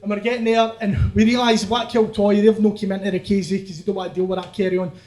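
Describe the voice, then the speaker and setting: High-voiced sweary Glaswegian comic. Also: male voice, little pitch movement, fast talker, darkish tone. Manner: rowdy, sweary, laughing through the telling. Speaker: stand-up comedian. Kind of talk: stand-up storytelling.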